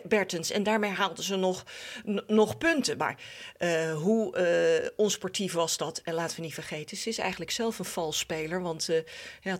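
A woman who is a former professional tennis player, giving frank, opinionated match analysis with frequent hesitation fillers. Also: mid-range voice. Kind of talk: studio sports analysis.

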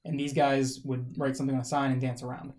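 A man's voice: medium pitch, flat delivery, quick pace, a little mellow. A man co-hosting a podcast, talking casually and rambling with many fillers and restarts. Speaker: podcast co-host. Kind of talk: casual chat.

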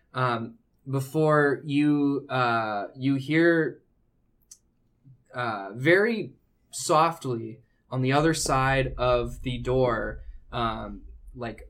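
A man narrating a tabletop game as game master, improvising descriptions and pausing to find his words. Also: medium pitch, fairly bright tone.

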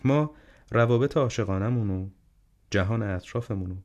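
A man voicing a gentle, wise, ailing old male professor in an audiobook, speaking calmly and reflectively. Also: on the low side, highs cut off, close to an everyday voice. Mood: earnest. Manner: calm, reflective, unhurried counsel. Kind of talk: audiobook character reading.

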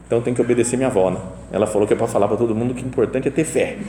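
A Brazilian Portuguese-accented man gives a chatty homily in rapid-fire fashion, his mid-range voice mellow and his talk peppered with "né?" directed at listeners. The chapel echoes and reverberates, with faint ambience and slight background noise.

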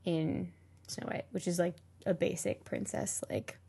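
A woman's voice: on the low side, steady tone, a little slow, gravelly, dark tone, husky. A woman co-hosting a podcast in casual chat, rambling with lots of fillers and laughs. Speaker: podcast co-host.

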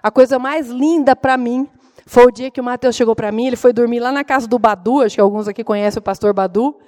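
A middle-aged woman delivers an earnest sermon. She tells family stories with open emotion in a fairly high voice. Her tone stays heartfelt and direct. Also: fast, a little mellow. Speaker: preacher and mother.

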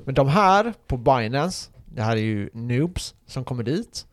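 A man's voice: mid-range voice, very animated, no echo, studio quality. A young man, co-hosting a podcast in casual chat, explaining at length with emphasis and casual swearing. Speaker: podcast co-host.

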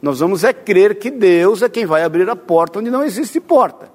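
A man's voice: sits high, lively intonation, moderate pace, a little mellow, big-room sound. A man preaching a sermon as pastor, earnest and speaking straight to the congregation, sometimes tripping over his words. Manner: earnest, addresses congregation directly, stumbles on words.

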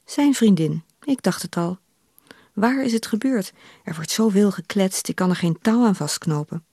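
Blunt, calm older woman, read by a woman, middle pitch, dry close sound. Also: moderate pace, slightly rough, dry recording. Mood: matter-of-fact. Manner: matter-of-fact, calm. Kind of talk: literary reading.

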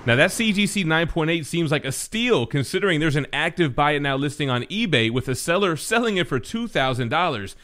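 Guy co-hosting a top ten countdown, kinda higher voice, casual slangy presenter chat. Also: animated, a little fast, hardly any pauses, a bit bright. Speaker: co-host of comic book countdown show.

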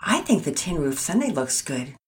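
A woman's voice: deep voice, very animated, normal speed. A woman voicing an earnest young boy who hesitates and stammers a little. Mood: eager. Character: eager polite young boy, sweet-toothed.

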